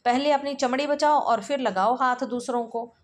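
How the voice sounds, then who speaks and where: Cynical middle-aged male colleague, blunt and mocking, read by a woman in a fairly high voice. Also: normal speed, close to an everyday voice. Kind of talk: reading a play aloud for exam study.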